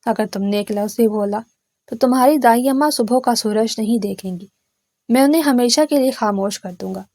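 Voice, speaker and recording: A menacing young thief issues low threats in a storybook tale, read by a woman narrator. The voice stays fairly high, close to the mic. The recording is dry. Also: warm tone, dry recording.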